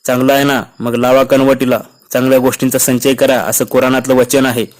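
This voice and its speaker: A man's voice: mid-range voice, level tone, brisk, natural voice. A man reading the part of a sly, coaxing male chief in a novel. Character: scheming male Afghan chief Najib.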